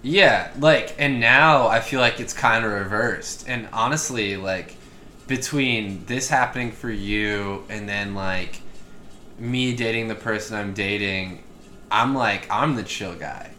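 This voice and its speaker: A man's voice: on the low side, slow pace, sharp tone, a little hiss or hum. A young man co-hosting a podcast, rambling with crude, self-deprecating jokes and lots of fillers. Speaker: podcast co-host. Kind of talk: casual podcast banter.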